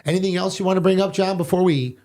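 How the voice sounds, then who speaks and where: An older man hosting a local city talk show, enthusiastic and halting, with many restarts. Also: high voice, warm tone. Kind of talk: casual chat.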